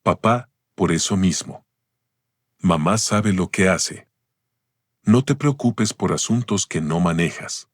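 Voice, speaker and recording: A grown son answers his father in a curt, condescending way, as a male narrator puts him on. The voice is low, and the recording is dry. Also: slow pace, no room sound. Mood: dismissive. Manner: dismissive and condescending. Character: curt, impatient adult son.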